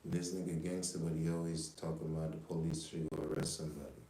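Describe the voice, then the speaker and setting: A Jamaican-born man raised in the US hosts a rambling, profane livestream monologue packed with street talk and constant "you know what I'm saying." His voice is a low, mellow rumble, level in tone and fast. The sound is roomy, with slight background noise.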